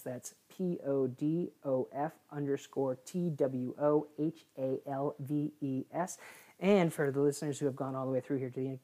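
A woman with a remarkably low, deep, warm voice co-hosts a casual sports podcast. She rambles through the news roundup, often pausing on fillers and correcting herself along the way.

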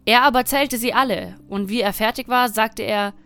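A woman reading a dark fairy tale aloud in a measured, dramatic storytelling manner. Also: a little high, clean tone.

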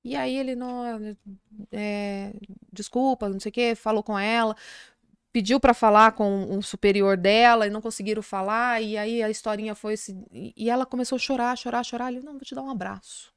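A middle-aged woman, a psychologist guest on a podcast, telling an anecdote in a lively, casual way. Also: on the high side, a little fast, clean tone, no room sound, clean studio sound. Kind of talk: casual storytelling in a podcast interview.

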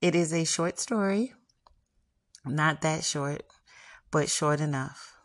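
A woman casually reading her own first-person erotic story, frank and unhurried. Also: low voice. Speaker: author and podcast host reading her book.

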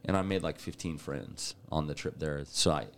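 A man co-hosting a podcast, telling animated stories in casual chat and laughing often. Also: extremely low pitch, normal speed, a little hiss or hum. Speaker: podcast co-host.

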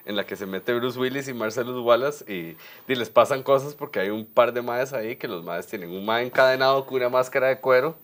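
Costa Rican man telling anecdotes casually. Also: medium pitch. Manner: slangy, halting, acts out dialogue.

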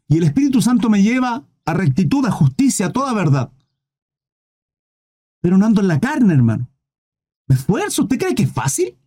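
A man's voice: high-pitched, warm tone, husky. A man preaching in a livestreamed Bible study, emphatic, with many rhetorical questions, and he keeps calling his listeners "brother".

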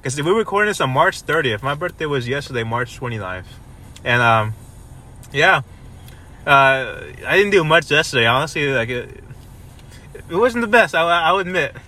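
Rambling young man, bright chatty voice. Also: fairly high pitch, very animated, normal speed, long pauses. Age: 20s. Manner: rambling, many fillers and restarts. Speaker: podcast co-host. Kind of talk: casual chat.

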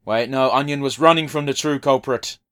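Fast-talking sweary man, casual commentary. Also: mid-range voice, fairly bright tone. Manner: sweary, blunt. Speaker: podcast co-host. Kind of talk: casual watch-along commentary.

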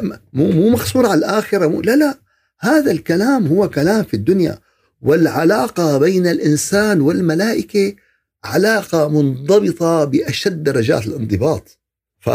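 A man's voice: on the high side, vocal fry, a little mellow, slightly rough. A man giving a podcast religious talk, asking rhetorical questions and answering them himself. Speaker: religious speaker.

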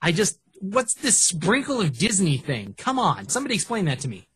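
Animated joking man with a husky voice. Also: high-pitched, fairly quick. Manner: animated, joking, breaks into song snippets and shouts. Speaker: podcast co-host reviewing music. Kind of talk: casual chat. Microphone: headset.

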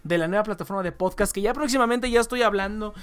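A man's voice: high voice, fast talker, fairly bright tone, smooth. Man, podcast host, slangy and profane, casual joking banter. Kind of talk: casual chat.

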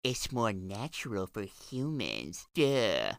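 A man's voice: on the low side, wildly swooping pitch, slow pace, vocal fry, clear, resonant tone, dry recording, studio quality, heavily acted. A man voicing a smug raw-diet follower in a mocking drawl.

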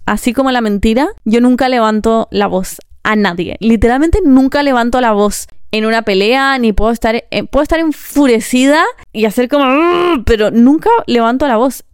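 A young Chilean woman vents about her pet peeves in a casual vlog, cursing freely and speaking in fast bursts with pauses between them. Her voice sits a bit high and sounds very clean. The recording is dry and close, with no room echo. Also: smooth. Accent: Chilean Spanish. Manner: expressive, swears often, quick bursts and pauses. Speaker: vlogger.

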